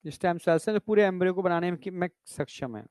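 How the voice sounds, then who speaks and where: A man's voice: sits high, fast talker, a little mellow, no echo, studio quality. A man teaching biology in a classroom lecture, explaining step by step and often checking that students understand. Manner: addresses students as "bhai" and "beta".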